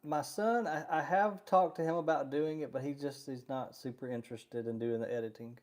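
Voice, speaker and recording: Casting: middle-aged male co-host, easygoing, rambling, relaxed live-stream banter. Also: medium pitch, a little fast. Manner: easygoing, rambling, laughs often. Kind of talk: casual live-stream chat.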